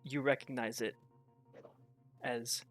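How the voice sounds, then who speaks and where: A game master slowly narrating a tabletop role-playing scene, pausing and restarting as he searches for words. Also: medium pitch, flat delivery, soft background music. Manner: halting, searching narration with many fillers.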